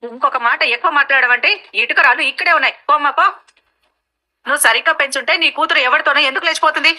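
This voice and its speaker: Fiery elder sister. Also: female voice, high-pitched, fast, sharp tone. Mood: threatening. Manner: blunt, threatening. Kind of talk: TV serial acting.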